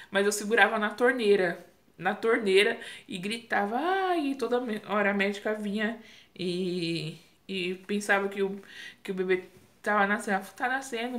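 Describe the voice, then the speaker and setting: A young Brazilian woman speaks casually to her viewers, retelling a long labor in vivid detail. Her voice sits in a middle range, but she leaps up in pitch when she replays her own screams and pleas. The delivery is animated and candid, like an unscripted chat with friends. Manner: animated, acts out her own cries and quoted lines. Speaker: vlogger telling her birth story. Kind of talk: casual storytelling to camera.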